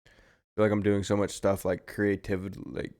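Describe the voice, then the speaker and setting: Completely flat yet brisk, this low, darkish male voice belongs to a sleepy young podcast co-host. Yawning, he drifts through relaxed chat, rambling and swearing plenty.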